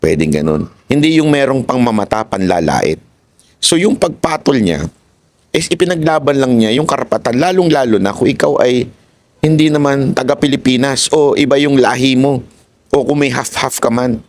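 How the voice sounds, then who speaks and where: A man's voice: mid-range voice, lively intonation, moderate pace, no echo. A man with a Filipino accent giving casual political commentary, heated and mocking, swearing now and then and switching into English.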